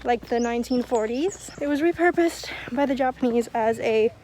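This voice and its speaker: A woman's voice: high voice, fairly quick, darkish tone, a little hiss or hum, rough recording. A young woman in her twenties chatting casually on a travel vlog, giggly and self-deprecating, filmed on a handheld camera. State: out of breath. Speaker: travel vlogger. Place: outdoors on a road trip, touring sites.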